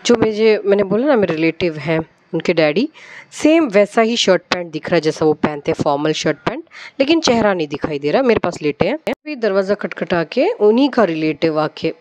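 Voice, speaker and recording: A woman's voice: mid-range voice, sing-song, fairly quick, a little mellow, no echo, lo-fi sound. A woman on a devotional channel casually retelling a dream, rambling, with many fillers and English words mixed in.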